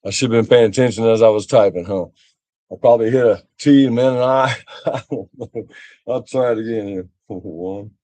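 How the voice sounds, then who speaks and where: A man's voice: on the low side, normal speed, dark tone, no echo. An older man, chatting casually on a livestream and telling rambling stories with chuckles. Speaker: vlogger.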